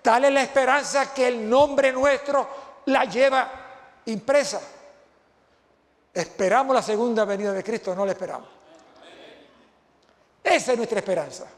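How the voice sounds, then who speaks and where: A man's voice: very high-pitched, measured pace, long pauses. A man preaching an impassioned sermon to graduates, repeating phrases for emphasis. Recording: long hall reverb.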